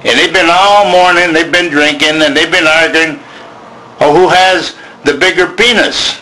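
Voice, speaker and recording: Male joke teller, bawdy and folksy, bright and slightly high-pitched voice, smutty storytelling with acted dialogue. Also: fairly even intonation, unhurried, low-quality recording. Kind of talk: telling dirty jokes, drawn-out storytelling with acted dialogue.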